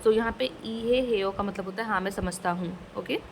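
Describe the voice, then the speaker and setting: A woman teaching a casual language lesson, slowly explaining each phrase and repeating it twice, mixing English words into her talk. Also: mid-range voice, creaky, a little hiss or hum, poor audio. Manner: mixes English words into Hindi.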